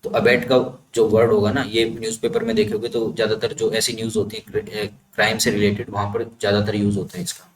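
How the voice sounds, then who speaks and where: A man's voice: on the low side, flat delivery, fast, few pauses. Male teacher explaining words in an echoey room. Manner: explains step by step, often adds "ठीक है" to check understanding. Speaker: vocabulary teacher. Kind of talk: explanatory lesson with mnemonics. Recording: echoey room, faint ambient noise.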